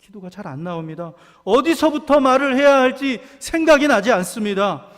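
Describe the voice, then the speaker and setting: A man preaching a sermon as pastor, swinging from hushed asides to loud fervent cries. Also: very high voice, expressive, moderate pace. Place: church sanctuary. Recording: long church reverb.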